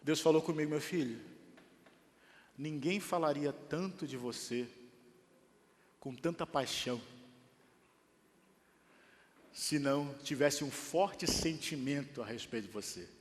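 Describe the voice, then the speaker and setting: A man with a Brazilian Portuguese accent preaching a sermon as pastor, building to emphatic, animated delivery. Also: fairly high pitch, measured pace, long reverb tail. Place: church hall.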